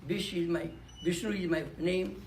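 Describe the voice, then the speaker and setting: At a conference panel, a Nepali man in his 80s speaks reflectively into a handheld or podium microphone, repeating important words for emphasis. The voice is high-pitched, steady and a little mellow at a normal speed, with a touch of hiss or hum in the conference room recording.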